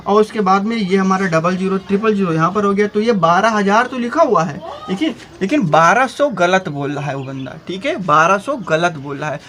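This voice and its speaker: A man's voice: high-pitched, animated, brisk, few pauses, a bit bright. A male teacher explaining a math lesson, often asking rhetorical questions and checking in with a repeated "okay".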